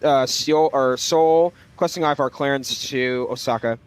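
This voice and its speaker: A man's voice: mid-range voice, moderate pace, slight background noise. Man making pilot radio calls. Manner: hesitant, with many fillers. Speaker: streamer playing a flight simulator.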